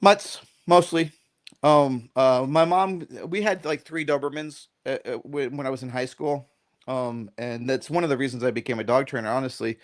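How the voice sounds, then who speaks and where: A man's voice: mid-range voice, normal speed. A middle-aged man, a dog trainer guest on a podcast, talking in a casual, rambling way. He keeps checking in with "right?" and acts out little quoted lines as he tells stories. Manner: animated storyteller who acts out quotes.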